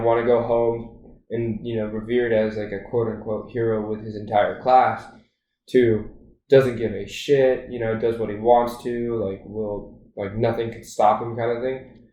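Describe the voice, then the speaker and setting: A man co-hosting a podcast, talking in a casual, rambling way with lots of fillers and animated retelling. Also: mid-range voice, reverberant, far from the mic, muffled recording. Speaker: podcast co-host. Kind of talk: casual chat.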